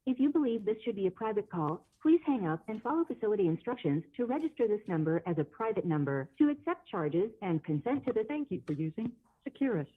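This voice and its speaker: A woman's automated, scripted announcement comes through a payphone call line, tinny and narrow like an old handset. Her pitch swings in a lively way, and the tone has a husky edge. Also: quick pace. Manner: recorded announcement, formal and scripted. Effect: heard over a payphone call line. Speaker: automated jail phone system prompt.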